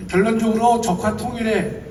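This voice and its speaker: A man, a constitutional law professor, explaining a legal point in a measured way as a guest on stage in a large hall. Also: high voice, steady tone, dark tone. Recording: echoey hall from far off, noisy.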